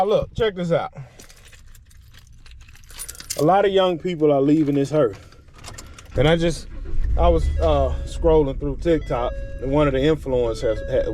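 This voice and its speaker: An American man giving a casual, colloquial faith talk, exhorting and telling stories as a vlogger. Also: darkish tone. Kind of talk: casual preaching talk to camera. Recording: noisy, engine and road rumble.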